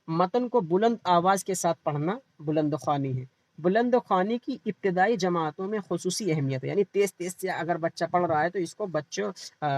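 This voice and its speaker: In an online exam-prep lecture, a man who feels unwell explains the material by posing questions and answering them himself. His voice is high-pitched and the recording is dry.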